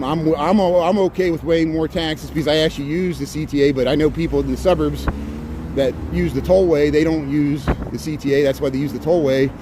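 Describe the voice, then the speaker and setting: A man from the American Midwest hosting a casual walking livestream, rambling and chatty and laughing often, recorded outdoors on a city street on a handheld phone. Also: a little high. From Indiana, US Midwest. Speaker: livestream host. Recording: street traffic noise behind.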